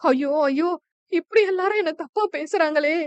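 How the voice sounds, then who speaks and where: A woman voicing a young widowed village woman who cries as she pleads her innocence, in a high, tearful voice. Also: normal speed, no echo. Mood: weeping, pleading. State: crying. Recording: dull, dry lo-fi recording.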